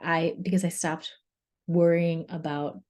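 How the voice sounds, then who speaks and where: A woman's voice: on the low side, level tone, unhurried, mellow. A young adult woman coach giving a candid webinar talk, laughing often and open about her feelings. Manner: candid, laughing, tearful at times.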